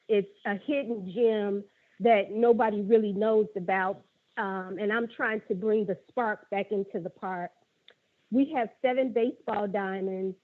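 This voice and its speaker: A middle-aged woman calling in by phone to a public forum, earnestly working through her prepared points one by one. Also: mid-range voice. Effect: tinny phone line. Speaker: caller at a public budget forum. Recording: narrow phone-line audio.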